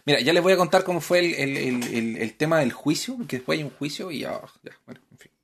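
A man's voice: a little high, animated, fast talker, gravelly, a bit bright, slight background noise. A man hosting a podcast, telling a historical story in casual chat, with many hesitations and restarts. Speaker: podcast host.

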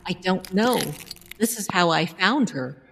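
A woman's voice: fairly low pitch, animated, measured pace, vocal fry, fairly bright tone, heavily acted. An actress playing a fearful, deferential woman servant.

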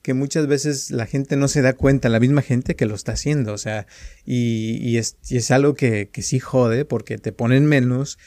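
A man talks things through in a relaxed conversation, pausing on fillers as he thinks. His voice is middle-pitched. The recording is dry, with no room sound. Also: no room sound. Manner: reflective, builds on the other's points with many fillers. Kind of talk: casual conversation.

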